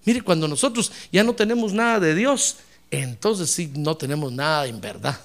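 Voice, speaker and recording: Lively, high-voiced pastor preaching. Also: male voice, normal speed. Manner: animated preaching, acts out church members in put-on voices. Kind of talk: sermon.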